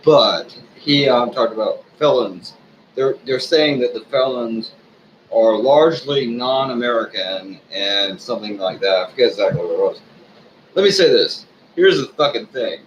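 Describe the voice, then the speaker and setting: A drunk man giving a rambling, off-the-cuff rant to his viewers, swearing often, halting and losing his thread. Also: mid-range voice, expressive, lo-fi sound, slight background noise. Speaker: online ranter, video host.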